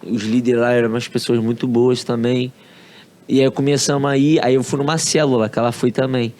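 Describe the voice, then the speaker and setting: A man's voice: medium pitch, level tone, brisk, darkish tone. Male podcast guest, Carioca accent, easygoing slangy storyteller who acts out quotes. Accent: Carioca Brazilian Portuguese. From Rio de Janeiro, Brazil. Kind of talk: casual storytelling.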